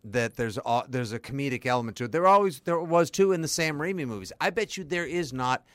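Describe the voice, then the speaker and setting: Man, podcast co-host, animated, profane, mid-pitched voice, dry close recording. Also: no echo. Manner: animated and profane, quick asides. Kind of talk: casual chat.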